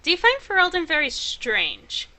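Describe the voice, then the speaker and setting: A woman's voice: very high voice, huge pitch swings, normal speed, sharp tone. A woman doing casual, playful let's play commentary, chatting away and reading dialogue choices aloud. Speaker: let's player.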